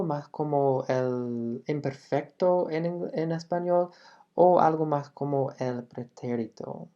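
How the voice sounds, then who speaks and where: Woman teacher, low warm voice, unhurried and patient, models example phrases; dull lo-fi recording. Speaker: language teacher. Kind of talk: language lesson explanation.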